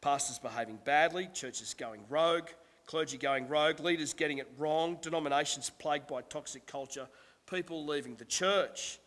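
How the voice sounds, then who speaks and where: Husky-voiced pastor, hall reverb. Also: male voice, on the high side, normal speed, fairly bright tone. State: husky from a cold. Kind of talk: sermon.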